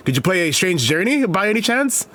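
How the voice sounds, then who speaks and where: A man's voice: sits high, very animated, fairly quick, pushed and bright. A man streaming live, reading reviews aloud and reacting with rambling jokes and frequent laughter. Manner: rambling, joking, laughs often.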